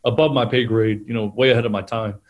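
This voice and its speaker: A middle-aged man, a guest on an interview show, telling animated stories about selling and laughing often. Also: fairly low pitch, fast, muffled recording. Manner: animated storyteller, acts out quotes, laughs often. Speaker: guest, sales trainer. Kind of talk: conversational storytelling interview.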